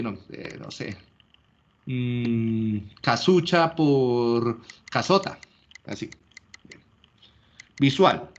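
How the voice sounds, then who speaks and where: A man's voice: mid-range voice, fairly bright tone, lo-fi sound. A man giving a classroom lecture, explaining step by step and often checking that listeners follow. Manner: explanatory, checks understanding with frequent rhetorical questions.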